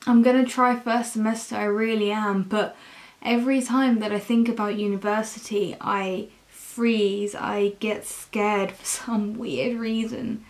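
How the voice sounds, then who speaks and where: A young woman with an English accent speaks at a slow, halting pace. She talks in a candid, confessional vlog style, choosing her words as she goes and swearing casually. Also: mid-range voice. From England. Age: young adult. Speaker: university student vlogger.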